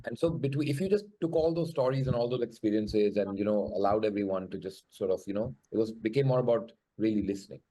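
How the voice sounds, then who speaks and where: A man with a posh, educated Indian accent speaks in a low, relaxed voice. He is articulate and reflective, giving a thoughtful interview answer about his craft as a writer. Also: fast, hardly any pauses, rough recording. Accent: educated, posh Indian English. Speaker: screenwriter and show creator.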